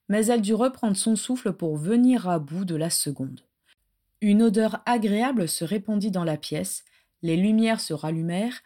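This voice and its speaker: A woman reading a story aloud as an audiobook, in an expressive storytelling style. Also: medium pitch. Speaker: audiobook narrator.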